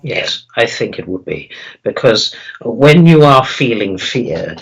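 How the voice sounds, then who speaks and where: A man speaking as a calm spirit guide in a seance medium's channeling session, teaching solemnly in halting, repeated phrases. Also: lowish voice, gravelly, husky, exaggerated voice, low-quality recording. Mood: instructive, earnest. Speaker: trance channeler answering questions as a spirit guide.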